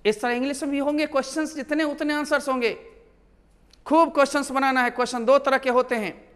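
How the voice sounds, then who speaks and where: A man's voice: very high-pitched, steady tone, brisk, a bit bright, in a large hall. A man teaching spoken English in a classroom lesson, drilling example questions and answers. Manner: instructive, repeats and drills example sentences.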